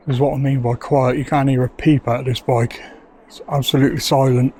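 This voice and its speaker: A man's voice: mid-range voice, little pitch movement, a little fast, dark tone, slight background noise. A man giving a chatty, enthusiastic bike review outdoors, rambling a little as he talks. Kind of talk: casual video review.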